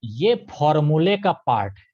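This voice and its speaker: A man teaches chemistry in a live online class. He is patient and keeps going back over each point, checking that his students follow. His voice sits fairly high, and the audio is dull and lo-fi. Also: very animated, a little slow, dark tone. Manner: patient, repeats key points with checking questions.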